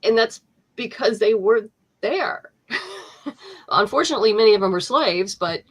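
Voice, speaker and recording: A woman comic book writer with a fairly high, animated voice chats casually as an interview guest, speaking at a measured pace. She's full of fillers and restarts and laughs easily.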